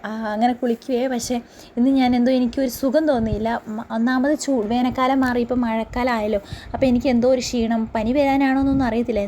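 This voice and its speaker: A woman's voice: fairly high pitch, mellow, slight background noise. A woman vlogger narrating her day in a rambling, chatty voice-over, full of tag words.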